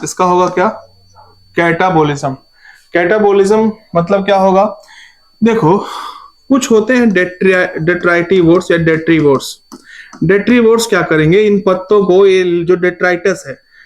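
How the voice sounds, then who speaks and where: A biology teacher from India delivers an exam-prep lecture in a high-pitched voice at a normal pace, captured in a rough recording. He quizzes students by repeating each key term back as a question, calls them "babu," and grows irritated by shouting outside.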